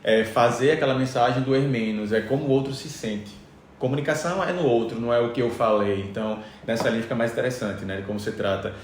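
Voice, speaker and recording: A man's voice: medium pitch, fast talker, a little hiss or hum. A man as a podcast guest explaining ideas conversationally, emphatic and full of fillers. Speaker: podcast guest, business speaker. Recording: roomy echo, faint ambience.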